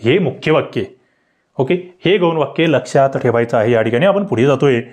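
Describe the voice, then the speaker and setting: A male tutor walks viewers through exam grammar questions in an online lesson. He talks in a mid-range voice that jumps up sharply on the words he wants to stress. He keeps asking his viewers questions and answers them himself. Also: a little fast. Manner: animated, leaps up in pitch to stress words.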